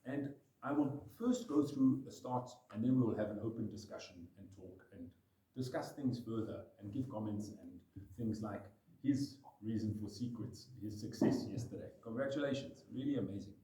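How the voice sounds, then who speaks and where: A man's voice: fairly low pitch, normal speed, mellow. A man giving an informal, self-deprecating talk to a live audience, laughing often. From South Africa. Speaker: paragliding pilot giving a talk. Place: room with a gathered audience. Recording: echoey room, voice off-mic at times.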